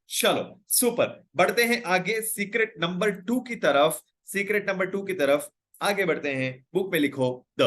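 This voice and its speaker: A man's voice: on the high side, fairly bright tone. A young man teaching English in a live online class, coaxing students to speak up and reading out their names and comments. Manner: reads out viewers' names and comments.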